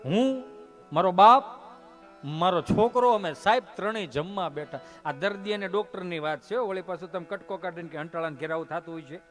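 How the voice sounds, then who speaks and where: A man's voice: high voice, fairly quick, faint music behind. A man telling a comic story on stage, animatedly addressing his audience. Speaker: stand-up comedian.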